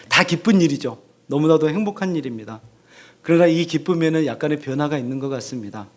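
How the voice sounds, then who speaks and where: Man, pastor, Sunday sermon, church, animated, slightly high voice. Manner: animated, acts out quoted parents' voices. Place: church sanctuary.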